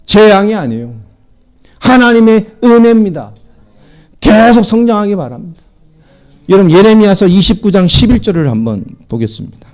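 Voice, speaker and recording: A middle-aged man preaching a sermon as pastor, asking the congregation questions and swinging between loud emphatic lines and low quiet asides. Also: big pitch swings, moderate pace, pauses often.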